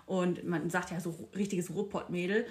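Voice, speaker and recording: A woman's voice: fairly low pitch, steady tone, normal speed. A woman from the Ruhr area with a Ruhr German accent, co-hosting a casual evening podcast chat, chatty and full of fillers and laughter. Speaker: podcast co-host.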